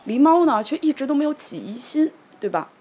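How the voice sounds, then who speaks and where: Lively woman telling a folktale. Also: sits high, a little fast. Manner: lively, animated storytelling. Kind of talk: retelling a story in casual chat.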